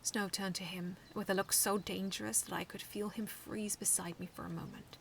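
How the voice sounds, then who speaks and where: A woman reading her own fanfiction aloud with steady storytelling and the odd slip and restart. Her voice is bright with a gravelly edge, and a faint background sound sits behind her. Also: medium pitch, moderate pace, slight background noise.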